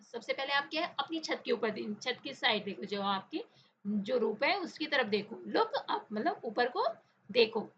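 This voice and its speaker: Bright high-voiced woman teaching a lesson. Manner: mixes Hindi and English, repeats questions to pupils. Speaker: English teacher. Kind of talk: explaining a school lesson. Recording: dull lo-fi recording with faint noise.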